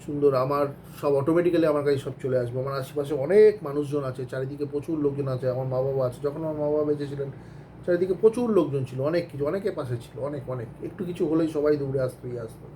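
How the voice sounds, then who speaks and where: Man teaching accounts, fairly high and warm, earnest and rambling, mixing in English. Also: rapid-fire, slight background noise. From Bengal. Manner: rambling, earnest advice with many restarts and English phrases. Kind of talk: casual spoken lesson to students.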